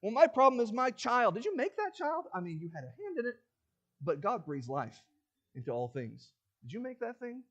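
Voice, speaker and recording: A man preaching a sermon in a church, dramatic, shifting from loud rising challenges to low hushed lines and firing rhetorical questions at the congregation. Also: wildly swooping pitch, moderate pace, lo-fi sound.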